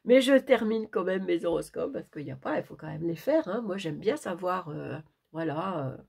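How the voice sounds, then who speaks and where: A woman speaking softly and hoarsely with a sore throat, giving a casual, conversational horoscope card reading with frequent tag questions. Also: on the low side, animated, normal speed. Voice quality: husky, creaky. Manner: conversational, often ending phrases with tag questions. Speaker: tarot reader hosting a monthly horoscope.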